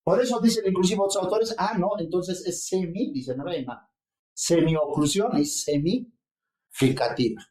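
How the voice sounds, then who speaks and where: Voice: medium pitch, measured pace, darkish tone, echoey room, poor audio. A lecturer giving a university seminar on phonetics, explaining step by step and often checking that students follow. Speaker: linguistics lecturer.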